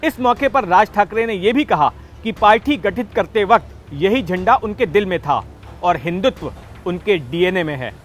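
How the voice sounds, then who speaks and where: A man with a high-sitting, animated voice narrates a scripted political news explainer at normal speed. He tells it emphatically, like a story, with rhetorical questions, over background music.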